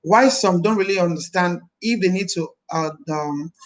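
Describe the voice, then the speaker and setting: On a live stream, a minister in her thirties chats at normal speed in a friendly way. Her voice is deep this morning, and she repeats phrases and blesses her viewers.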